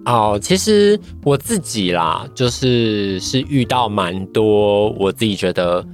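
A voice acting trainee appears as a podcast guest, a woman with a Taiwanese Mandarin accent giving a casual personal account and often hunting for words. Her voice rumbles low with lively intonation, she speaks slowly, and soft music plays behind her.

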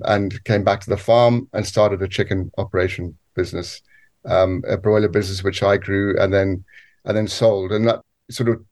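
A man who grew up on a farm in Zambia and lives in the UK, answering interview questions in a measured way with frequent restarts. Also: lowish voice, darkish tone. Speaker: guest, cofounder.

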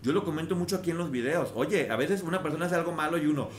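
A man's voice: a little high, lively intonation, rapid-fire, a little hiss or hum. Earnest man in an echoey room. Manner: earnest, explaining with examples. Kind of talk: casual book discussion. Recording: roomy echo with faint ambience.

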